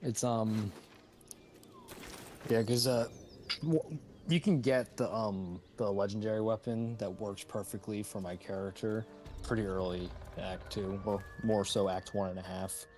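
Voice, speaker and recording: Young male co-op gamer, low-pitched, easygoing and rambling, faint music under. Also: unhurried. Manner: relaxed, rambling with fillers and hedges. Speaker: gamer co-op player. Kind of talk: casual gameplay chat.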